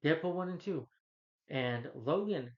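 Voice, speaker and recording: A man's voice: fairly high pitch, animated, measured pace. A man delivering an angry, scornful review rant, speaking bluntly and emphatically and repeating phrases to drive his point home. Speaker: film reviewer. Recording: dull lo-fi audio.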